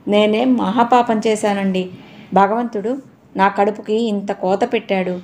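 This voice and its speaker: A woman's voice: medium pitch, steady tone, a little slow, a little mellow, lightly acted. A woman voicing a grieving middle-aged mother in an audio novel, tearful and pleading. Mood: grief-stricken.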